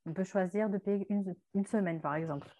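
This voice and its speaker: A woman's voice: medium pitch, a little fast, dark tone. A woman teaching vocabulary in a chatty way, with many hesitations, dropping in foreign words as she explains. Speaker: language teacher. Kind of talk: explaining vocabulary on a radio show.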